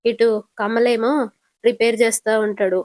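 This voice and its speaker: A woman's voice: fairly high pitch, level tone, normal speed, a little mellow, dry recording. A woman giving a colloquial recap of a TV serial episode, acting out each character's lines as she goes. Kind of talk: casual retelling of a TV serial episode.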